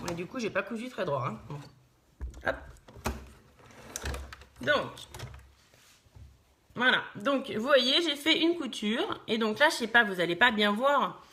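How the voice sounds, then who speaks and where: Woman from France, slightly high voice, chatty live sewing teacher who greets viewers and fills pauses while working at her machine. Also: very animated, pushed and bright, slight background noise. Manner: chatty, thinks aloud with many fillers, greets viewers.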